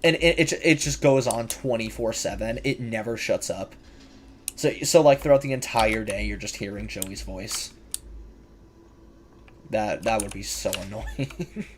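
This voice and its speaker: A man's voice: on the low side, unhurried. A man giving casual, jokey commentary as he streams a horror game, nervous about scares and talking back to the characters. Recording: clear background noise, keyboard clicks and typing.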